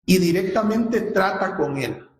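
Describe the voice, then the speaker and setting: Slow-speaking pastor in an echoey church. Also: male voice, high-pitched, animated, a little hiss or hum. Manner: asks the congregation rhetorical questions. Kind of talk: sermon. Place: church sanctuary.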